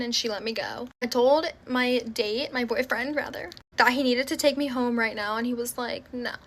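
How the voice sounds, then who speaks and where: A young woman with a high, bright voice tells a personal story in a chatty storytime vlog. She fills her sentences with "like" and acts out what everyone said as she goes. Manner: chatty, filler-heavy with frequent "like"; animated retelling with quoted dialogue.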